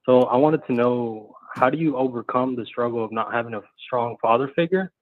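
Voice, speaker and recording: A caller from Texas, a man, comes through a bad phone connection that keeps breaking up. The line is thin and tinny and his voice sounds close and dry. His delivery is polite and earnest, at an ordinary pitch. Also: brisk, no echo. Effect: bad phone connection, cutting out. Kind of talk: call-in question on a podcast.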